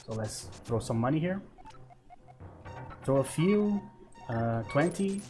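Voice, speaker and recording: A man in his thirties, a native Portuguese speaker with a Brazilian Portuguese accent, hosts his gaming channel and thinks aloud over gameplay in relaxed let's-play commentary. His voice is medium-pitched and slow, with faint music behind it.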